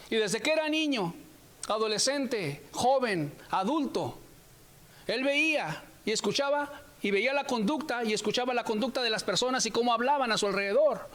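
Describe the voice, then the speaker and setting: A man preaching a sermon, emphatic and repetitive, drawing key phrases out slowly. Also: very high-pitched, a bit bright.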